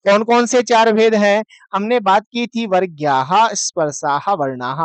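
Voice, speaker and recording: A man with a high, clean voice teaches an online Sanskrit class at a measured pace in a dry recording. He asks students questions and answers them himself, drills sounds syllable by syllable, and mixes Hindi explanation with Sanskrit read aloud.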